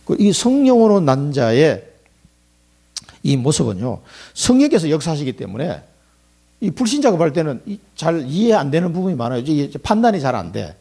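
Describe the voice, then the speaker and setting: Gravelly husky guy preaching, chatty, chuckles a lot, voice jumps around. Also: on the high side, moderate pace. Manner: conversational, chuckling asides, animated storytelling. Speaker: pastor. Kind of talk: sermon.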